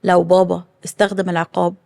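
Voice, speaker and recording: Egyptian woman host, quick questions, keeps conversation moving. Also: lowish voice, flat delivery, creaky, darkish tone. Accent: Egyptian Arabic. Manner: asks questions, frequent "mm" backchannels. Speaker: talk show host. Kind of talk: casual studio conversation.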